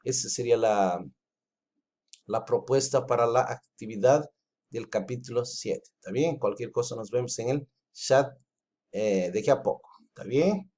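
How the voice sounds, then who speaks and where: A man's voice: mid-range voice, a little slow, a little mellow. Man explaining grammar with "¿sí?" checks. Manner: explains step by step, tags lines with "¿sí?" and "¿está bien?". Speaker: Spanish teacher. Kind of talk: recorded online lesson.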